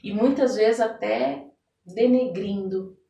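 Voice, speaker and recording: A Brazilian woman appears as an interview guest, describing her coaching work in a conversational way and often checking that the listener agrees. Her voice is a little high and mellow with some vocal fry, her pace is slow, and the recording sounds roomy and echoey, as if she's far from the mic.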